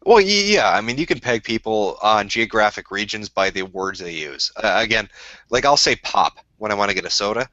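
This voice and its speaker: A man from Minnesota with a Minnesota accent, a bit drunk and talking crudely on a livestream. His voice is bright and a little low, and the dull, lo-fi audio sounds dry and close. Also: expressive, fairly quick, no room sound. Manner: crude, rambling, laughs often. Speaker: streamer. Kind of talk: casual livestream chat.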